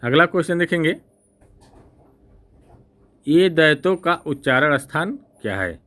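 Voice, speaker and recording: A male teacher giving an exam-prep lesson, explaining slowly and repeating himself, often checking "right?" with the class and correcting his own slips with an apology. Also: on the high side, expressive, fairly bright tone. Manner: slow, repetitive explaining with frequent "ठीक ना?" checks.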